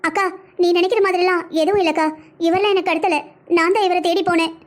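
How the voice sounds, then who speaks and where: A shy young bride pleads with her sister, as a woman voices her. Her high voice hurries along, soft and pleading. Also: steady tone, fast talker. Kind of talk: cartoon family drama acting.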